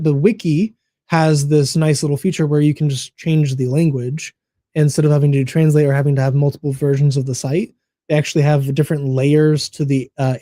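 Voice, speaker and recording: A man's voice: fairly high pitch, warm tone, no room sound, studio quality. A man co-hosting a casual livestream, answering chat comments with frequent laughs and fillers. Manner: laughs often, talks through fillers.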